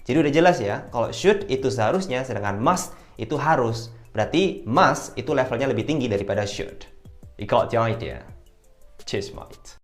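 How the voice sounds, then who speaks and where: A man giving a casual English lesson, slowing down to say each example sentence clearly. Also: medium pitch, darkish tone. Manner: chatty, slows down to spell out example sentences. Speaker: English teacher. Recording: faint music underneath.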